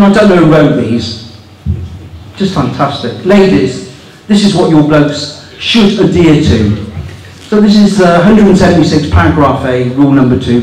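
A man's voice: a little high, a little mellow. A man in his fifties doing stand-up on a small club stage, reading rules aloud in a mocking, incredulous way and swearing for laughs. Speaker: stand-up comedian. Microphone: handheld mic on stand. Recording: echoey room recorded from far off.

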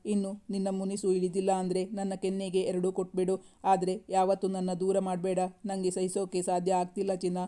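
Storyteller doing a soft pleading young husband, flat even tone, really mellow. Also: male voice, high-pitched, a little fast, close to an everyday voice. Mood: coaxing. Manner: coaxing, affectionate.

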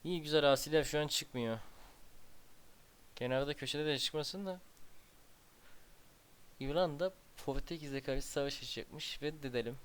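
A man's voice: fairly high pitch, normal speed, pauses often. A man casually commenting on his strategy game as he plays, muttering to himself and breaking into exasperated outbursts. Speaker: gameplay commentator.

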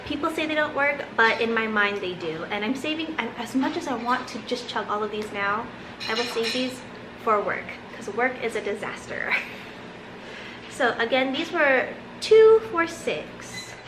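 A woman in her thirties casually showing off her grocery haul on her home vlog, chatty and upbeat, in a living room recorded by a camera. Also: on the high side. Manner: chatty, upbeat, lingers on some words. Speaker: vlogger. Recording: roomy home audio with background hiss.

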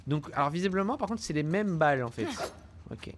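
Young guy streaming a game, kinda high voice, jokey slangy n jumpy, bit of game noise behind. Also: a little fast. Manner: joking, excitable, slangy, jumpy when startled. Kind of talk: casual gameplay commentary. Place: indoor room at home. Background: game sounds.

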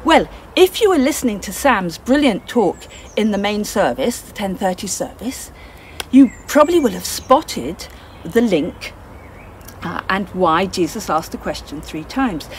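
A woman leading a children's church talk, telling a Bible story in an animated way and asking the children questions. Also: mid-range voice, a little slow, slight background noise, poor audio.

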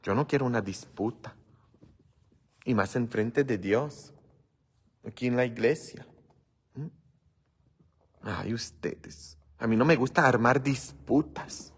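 Priest, casual live chat, unhurried rambling, echoing church sound. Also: male voice, mid-range voice, slightly rough. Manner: slow, rambling, many murmured hums. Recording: long hall reverb.

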